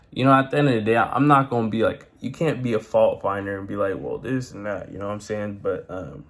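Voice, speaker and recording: A young man vlogging, talking casually and rambling with lots of fillers and slang. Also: medium pitch. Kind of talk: casual talk to camera.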